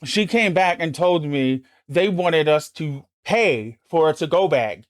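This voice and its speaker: A man with a notably high-pitched voice hosting a live stream, ranting emphatically and swearing freely as he chats. The sound is close and dry, with almost no room around it. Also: animated, unhurried, no echo. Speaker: livestream host. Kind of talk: casual chat.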